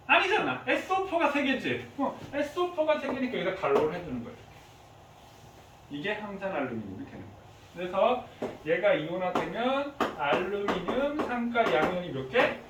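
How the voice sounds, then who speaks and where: Male chemistry teacher, very high and lively voice, heard from across an echoey room. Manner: lively, quizzing students with frequent questions. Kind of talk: classroom lecture. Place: classroom. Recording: echoey classroom from far off, faint hiss.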